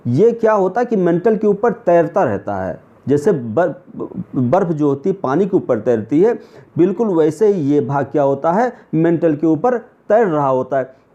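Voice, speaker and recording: A man with a Hindi accent teaching an exam coaching lesson, walking through diagrams step by step. He often poses a question and then answers it himself. His voice sits a little high but sounds mellow and relaxed, and the recording is muffled and lo-fi. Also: normal speed. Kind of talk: explanatory lesson over diagrams.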